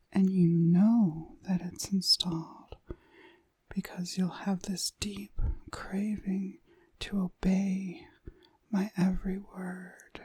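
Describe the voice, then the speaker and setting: Here the same whispered hypnosis roleplay features a woman as a seductive, dominant witch mistress whose delivery is breathy, commanding and soothing. Medium in pitch and a little mellow, she is captured on a dry recording.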